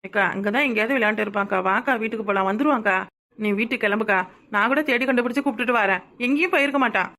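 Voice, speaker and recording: A woman's voice: a little high, rapid-fire, sharp tone. A woman voicing a practical younger village woman who keeps reassuring her elder, with a Kanyakumari Tamil accent. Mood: coaxing. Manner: coaxing, reassuring.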